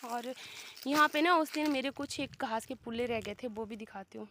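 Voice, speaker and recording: High-voiced woman vlogging, sore throat. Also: moderate pace, fairly bright tone, slight background noise. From Himachal Pradesh, India. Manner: chatty, talks straight to viewers. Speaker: village life vlogger. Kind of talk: casual walk-along vlog talk. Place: outdoors on a steep grassy hillside.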